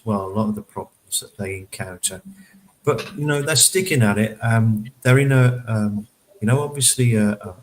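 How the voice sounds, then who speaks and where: A man's voice: on the low side, a little hiss or hum, poor audio. A man chatting casually on a panel show, rambling with lots of fillers and repeated words. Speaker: panelist reporting on a local event. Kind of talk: casual chat.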